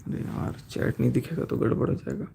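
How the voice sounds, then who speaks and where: A man's voice: fairly quick, mellow. A man on a phone live stream, explaining at length and reading out chat messages, with restarts. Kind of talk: casual live-stream account, reading out chats.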